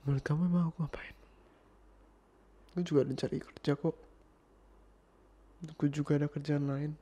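Playing an annoyed young boyfriend for an ASMR role-play, a man argues with insistent exasperation, at times sinking into soft whispers. His voice sits a little high and keeps a steady tone at a brisk pace, only lightly acted.

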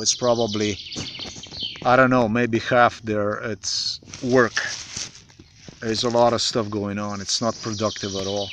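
A man in his forties from Slovenia with a Slovenian accent, speaking in a halting, repetitive, emphatic monologue to a phone camera in a forest. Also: on the low side, noisy background. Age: 40s. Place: outdoors in a forest. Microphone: phone camera at arm's length.

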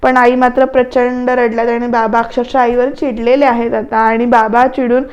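A woman's voice: fairly high pitch, level tone, normal speed, a little mellow, dull audio. A woman narrating a voice-over recap of a television serial, retelling scenes conversationally with asides to viewers.

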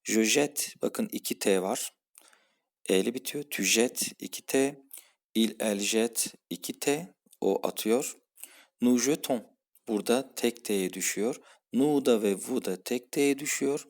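A man's voice: medium pitch, measured pace. A man teaching French grammar, patiently saying each verb form and then its translation. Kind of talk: explaining French grammar for a Turkish-speaking class.

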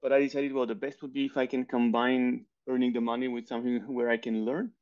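A man's voice: mid-range voice, level tone, fast. Bulgarian guy in his 30s chatting on a headset call, thoughtful, little laughs, kinda muffled audio. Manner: thoughtful, laughs softly between points. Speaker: guest, scientist. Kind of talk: casual interview chat. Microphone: headset on video call.

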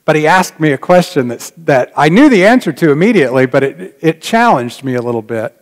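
The preacher is a middle-aged man with a fairly high voice, speaking very animatedly and a little fast. He gives an earnest, reflective sermon from the pulpit of a large sanctuary, lowering to a near-whisper for key points. The church's long reverb colors the recording.

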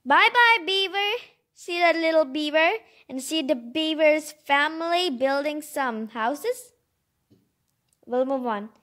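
In a high-pitched voice and at a slow pace, a woman reads a picture book aloud with expression. She tells the story while tossing in chatty, enthusiastic asides of her own.

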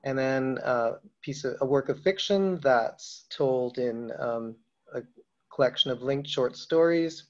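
A man's voice: medium pitch, a little mellow. Guy moderating an author panel, lots of ums, dull lo-fi audio. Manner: halting, frequent ums and restarts.

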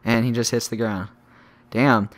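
A man's voice: medium pitch, little pitch movement, unhurried. Brash teenage boy gaming chatter. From Texas. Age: teens. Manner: rambling, brash and joking, swears a lot. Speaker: gaming channel host. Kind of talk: casual gaming chat.

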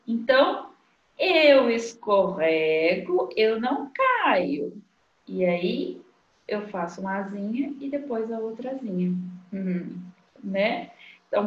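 A woman teacher, talking young children through a literacy worksheet in a slow, sing-song way. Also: a little high. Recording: dull, echoey room sound.

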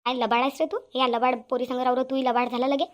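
A woman voicing a scolding older mother-in-law in a cartoon, firing off rapid accusing questions. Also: high voice, little pitch movement, natural voice. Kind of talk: cartoon voice acting.

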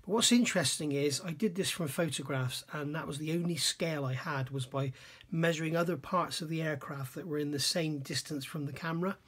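A man's voice: on the high side, fairly quick, few pauses, a bit bright, husky. A middle-aged man reviewing a scale model kit at his workbench, thinking aloud and often questioning himself. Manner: musing, self-questioning, admiring. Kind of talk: casual hands-on kit review. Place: workbench indoors.

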